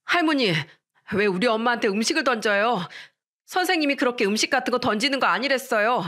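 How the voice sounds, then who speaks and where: Brave little boy, played by a woman narrator, high and insistent. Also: expressive, fast talker, a bit bright. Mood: earnest. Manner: pleading, talking back. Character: young boy, bold and earnest. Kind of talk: storybook reading.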